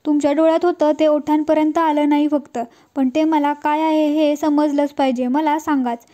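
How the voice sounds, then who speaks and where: A woman's voice: high-pitched, level tone, normal speed, dark tone, lightly acted. A woman reading an insistent questioning wife.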